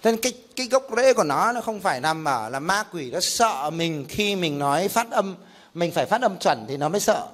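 Man, pastor, fairly high voice, lively Bible class teaching. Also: brisk. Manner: animated, explains with examples and rhetorical questions.

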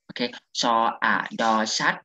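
A man teaching Thai, spelling out syllables one by one for a learner to repeat in a relaxed, chatty way. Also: unhurried, dry recording. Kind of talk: spelling drill, casual lesson.

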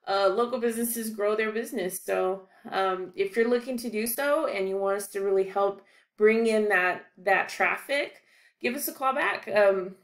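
A young woman talks through a sales pitch in a casual, informal way, stumbling over fillers and restarts as she goes. Her voice sits at a middling pitch. The room around her sounds echoey. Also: vocal fry. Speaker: marketing caller. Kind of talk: screen-recorded sales pitch.

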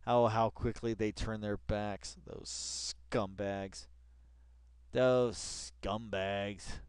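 This man's voice is fairly low and smooth, with fairly even intonation and drawn-out words, recorded in studio quality with no room sound. He reads an article aloud in a rambling, casual way, swearing, muttering asides, and repeating phrases out of exasperation.

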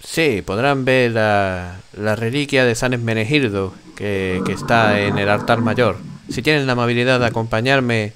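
A man's voice: medium pitch, normal speed, hardly any pauses, close to an everyday voice. A man voicing a kindly, humble priest in a tabletop game, with a Castilian accent and a courteous, hesitant manner. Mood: grateful, welcoming. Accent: Castilian Spanish. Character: kindly, humble, talkative male church priest. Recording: faint noise on voice chat.

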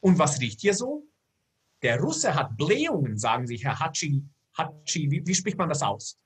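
A man's voice: fairly high pitch, sing-song, moderate pace, husky, full character voice. A man voicing an officious senior male police officer, questioning in a formal, bureaucratic way.

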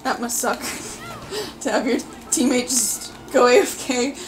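A woman reacting live to her gameplay, excitably pleading and yelling at the screen, with faint game music behind her. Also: on the high side, unhurried. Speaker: gameplay video host. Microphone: desk mic.

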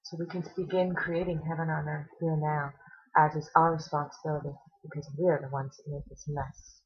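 A woman's voice: low voice, flat delivery, moderate pace, lo-fi sound. A woman making a video response, indignant and sarcastic, firing off rhetorical questions. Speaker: video blogger.

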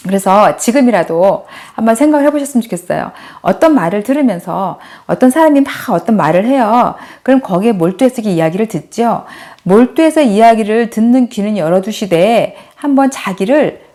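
A middle-aged woman giving a talk to mothers, telling a story from her teaching in a gentle, storytelling way. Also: medium pitch, lively intonation, brisk. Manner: gentle storytelling, acts out a child's and adults' voices in quotes. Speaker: lecturer for mothers. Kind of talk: spoken lecture with anecdotes.

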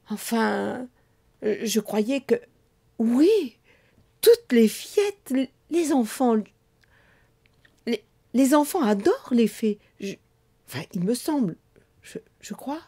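A woman's voice: fairly high pitch, animated, takes it slowly, mellow, voice pushed up. A woman doing a stammering, flustered fairy. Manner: hesitant, stammering. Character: flustered fairy woman, gentle, easily rattled. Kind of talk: storybook reading.

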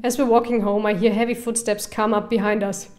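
A woman's voice: mid-range voice, little pitch movement, fairly quick, darkish tone, soft background music, lightly acted. A woman reading the lines of an easygoing young dad, the player character.

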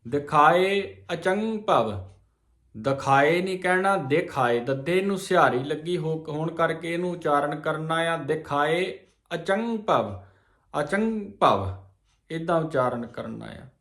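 A man teaching scripture pronunciation, reciting each verse slowly and then spelling out its syllables. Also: on the high side, a bit bright, roomy sound. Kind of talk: slow pronunciation lesson on scripture.

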